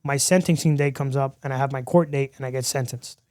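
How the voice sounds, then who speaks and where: Speaking fairly quickly at medium pitch, a Miami man appears as a podcast guest and recounts his story in a casual interview. He's an animated storyteller who acts out quoted lines. The recording is dry, with clean studio sound.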